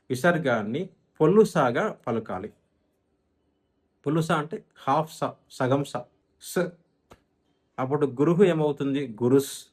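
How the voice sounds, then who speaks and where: A man teaching Sanskrit chanting pronunciation, who asks questions and answers them himself and slowly chants verse examples. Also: mid-range voice.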